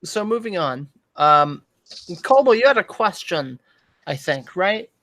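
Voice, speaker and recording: A man with a fairly high voice hosts a loose chat over a video call. He rambles, restarts and fills gaps with ums. The sound is very dry and close. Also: very animated, a little slow, bright, forceful tone, dry recording. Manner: rambling, many fillers and restarts. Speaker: podcast host. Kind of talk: casual chat.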